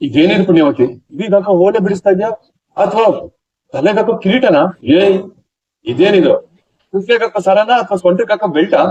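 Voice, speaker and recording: A young actor playing a blunt, teasing husband who pries and mocks in a TV serial. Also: male voice, sits high, expressive, fairly quick, darkish tone. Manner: blunt, teasing, mock-serious. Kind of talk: TV serial acting. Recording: dull lo-fi TV audio.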